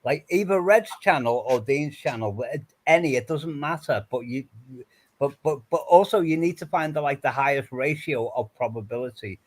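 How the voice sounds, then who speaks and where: A man's voice: mid-range voice, moderate pace, low-quality recording. A man in a casual group chat, giving advice and often stammering and repeating his words.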